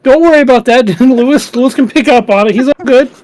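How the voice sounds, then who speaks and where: A man's voice: very high-pitched, fast, noisy background. A man playing a tabletop game, chatting casually and improvising in a playful, cheerful way.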